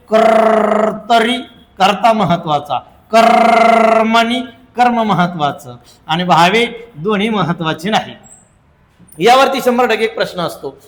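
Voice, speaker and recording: A man teaches an exam-prep grammar lesson with a raised, high voice. He drills rules by repeating them in a rhythmic chant and stresses key words hard. His voice rings with a long reverb, as in a hall. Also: a bit bright.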